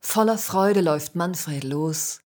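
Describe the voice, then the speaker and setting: A woman calmly narrating a first-person spiritual story in a measured, soft-spoken way. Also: lowish voice.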